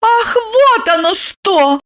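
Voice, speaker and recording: A shrill, high and jealous woman, as a female audiobook narrator puts her on, leaping far up in pitch with sharp accusing bursts. Her voice swings widely from phrase to phrase, hot and indignant. Storybook character acting. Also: expressive, slow pace, heavily acted.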